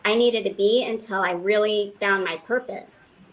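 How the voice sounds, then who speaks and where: A woman's voice: mid-range voice, moderate pace, poor audio. A woman from Los Angeles, a fashion designer, giving rambling interview answers full of fillers and restarts.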